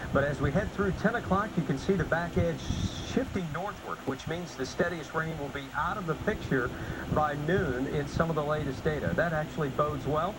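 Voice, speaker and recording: A man's voice: fairly high pitch, normal speed. A middle-aged man presenting a weather forecast, re-recorded from a television set. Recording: TV re-recorded, very loud noise.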